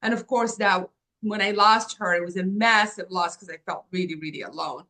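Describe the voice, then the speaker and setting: An agency founder from Morocco, in her 50s, appears as an interview guest to tell her life story, earnest and reflective, with frequent "um"s and "like"s. She speaks briskly in a mid-range voice with a sharp tone.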